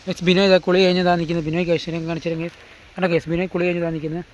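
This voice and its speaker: Casting: young man, rapid high voice, casual Malayalam sprinkled with English, noisy outdoor sound. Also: flat delivery. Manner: mixes English into Malayalam, constantly addressing viewers as "guys". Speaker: friend on the trip. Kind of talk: casual chat to camera. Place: outdoors and on the road. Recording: noisy outdoor phone audio, vehicle sounds.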